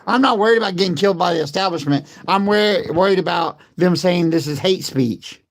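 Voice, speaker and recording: A hoarse man who has lost his voice, coughing and talking defensively in casual chat, repeating his points. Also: high voice, brisk. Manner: repetitive, defensive.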